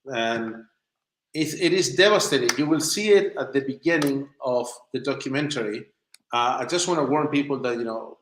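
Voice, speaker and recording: Here a man with a medium pitch and fairly bright tone talks informally as an interview guest, pausing to find his words. A native Spanish speaker from Chile and southern Spain, he makes documentaries. The sound is roomy with plenty of echo.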